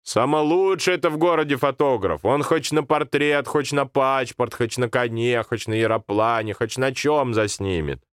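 A man voicing a fussy, scolding old village grandmother in a storybook reading, with drawn-out country speech. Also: medium pitch, smooth, no room sound, clean studio sound, voice pushed up, lightly acted.

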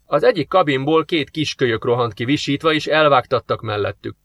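A man reads a novel aloud in a measured storytelling manner. His pitch sits in the ordinary middle range. The recording is dry, with no room sound. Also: a bit bright, dry recording. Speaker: audiobook narrator. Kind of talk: scripted narration.

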